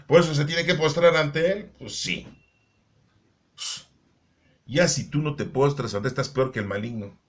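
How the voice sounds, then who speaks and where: Chatty man explaining scripture. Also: lowish voice. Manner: chatty, joking, with asides and rhetorical questions. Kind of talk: conversational Bible commentary.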